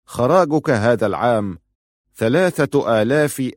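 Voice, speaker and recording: A man voicing a commanding male army chief, declaiming forcefully in an audiobook reading. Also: mid-range voice, animated, normal speed, no echo, clean studio sound, close to an everyday voice. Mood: assertive.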